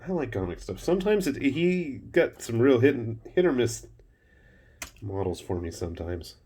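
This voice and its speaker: A man's voice: medium pitch, big pitch swings, moderate pace, warm tone, slightly rough. A man hosting a casual show-and-tell of his painted miniatures, chatty with wry asides. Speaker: miniature painting channel host.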